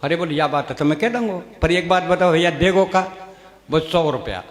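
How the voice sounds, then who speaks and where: A man's voice: a little high, fairly quick. A man, telling rustic comic stories on stage and voicing every character in turn. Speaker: stand-up comedian. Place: stage at a comedy gathering. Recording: echoey hall, long reverb.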